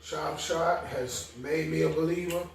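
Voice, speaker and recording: An exuberant man guest tasting food and praising it loudly in a kitchen. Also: fairly high pitch, steady tone, a little slow, gravelly, slight background noise. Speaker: guest taster. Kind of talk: casual chat. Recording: echoey room from a distance.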